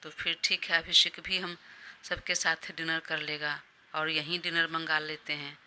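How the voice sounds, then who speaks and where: Woman reading young male boss, obliging, indulgent, low even voice, audio story. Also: measured pace, slight background noise, exaggerated voice. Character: young man, a caring, easygoing boss.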